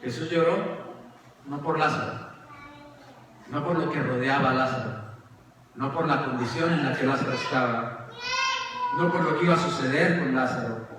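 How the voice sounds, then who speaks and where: A man preaching a sermon with dramatic swings, raising questions and dropping to hushed, low emphasis. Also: normal speed, long pauses, noisy background. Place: church sanctuary. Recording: echoey church hall, far from the mic.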